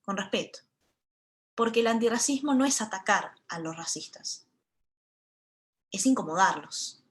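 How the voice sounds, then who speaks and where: A young woman in her twenties speaks with a Rioplatense accent, delivering a lecture talk at a mid-range pitch. She is earnest and emphatic, building her points in short, punchy phrases. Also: sharp tone. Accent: Rioplatense Spanish. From Buenos Aires, Argentina. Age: 20s. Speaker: panel speaker.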